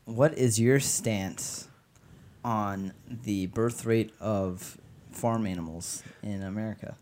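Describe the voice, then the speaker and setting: A man's voice: fairly low pitch, slow, a little mellow. A man co-hosting a podcast in casual chat, teasing his partner with dry banter. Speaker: podcast co-host.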